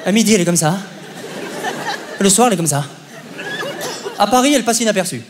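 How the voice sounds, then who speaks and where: A man's voice: high-pitched, animated, fairly quick, heavy background noise. A young man doing stand-up comedy on a festival stage, punchy and conversational, with live audience laughter. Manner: punchy, conversational, often checks in with "ok?". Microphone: stage microphone. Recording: long hall reverb, live audience. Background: audience laughter and applause.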